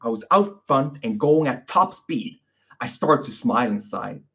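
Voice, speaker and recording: A man's voice: mid-range voice, expressive, a little slow, vocal fry, fairly bright tone. A man hosting his own podcast, talking casually and often tagging his lines with "okay?" and "you know". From Sweden. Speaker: podcast host, physiotherapist. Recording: dull lo-fi recording.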